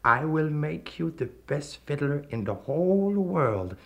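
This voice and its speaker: A man voicing a sly, smooth male devil in a folktale, speaking slowly and hushed, trailing into whispers. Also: a little high, big pitch swings, voice pushed up, heavily acted. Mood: tempting.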